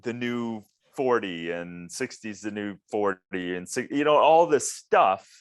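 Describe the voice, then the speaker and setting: A man's voice: fairly low pitch, lively intonation, a little slow, clean tone. A man from Minnesota hosting a casual interview podcast, rambling and repeating words as he searches for what to say. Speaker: podcast host.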